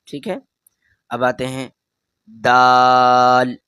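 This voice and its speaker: A man teaches a beginner's Quran reading lesson in a medium-pitched voice. He explains each letter patiently, stretches and projects the letter sounds, and keeps asking the listener to say them back. The sound is dry and close, with no room echo. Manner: patient, repeats each letter loudly and drawn out; talks straight to the learner, asks them to repeat.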